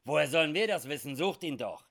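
A man reading aloud and voicing a rough, scornful outlaw leader who sneers and threatens. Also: fairly high pitch, expressive, a little fast, fairly bright tone, pitched above the performer's own voice, full character voice. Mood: dismissive. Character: sneering rough male cattle-thief leader.

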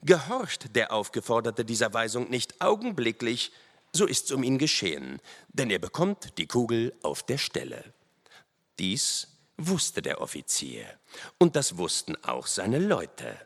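A man reading an adventure story aloud as the narrator, expressive and storytelling. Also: mid-range voice, unhurried, gravelly. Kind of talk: audiobook narration. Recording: long hall reverb.

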